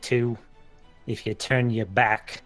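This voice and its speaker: A man's voice: mid-range voice, steady tone, slow, a bit bright, soft background music. A man doing a creepy wheedling pirate. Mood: sly. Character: creepy, gold-hungry male pirate, wiry.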